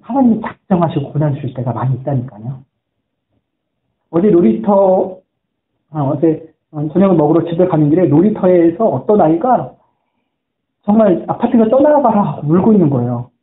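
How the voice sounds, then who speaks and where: A man's voice: a little high, animated, normal speed. A man preaching a sermon as a pastor, earnest and telling stories in which he quotes people's words. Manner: earnest storytelling, quoting voices. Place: church sanctuary. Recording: echoey room on a tinny phone-like line.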